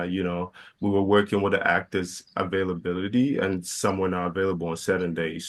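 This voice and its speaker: A young man from Ghana with a very low, deep voice, answering interview questions about his work. He hesitates often and restarts his sentences as he talks, filling the pauses with small fillers. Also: fairly bright tone. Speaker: filmmaker guest. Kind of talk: casual interview.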